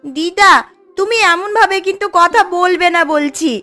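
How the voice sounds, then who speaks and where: A caring young woman in a cartoon, as a woman voices her, coaxing her grandmother and bossing her sleepy sisters awake. Her voice is high and lively, with faint music behind. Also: moderate pace. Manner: pleading, coaxing, bossy with sisters. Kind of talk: animated cartoon voice acting.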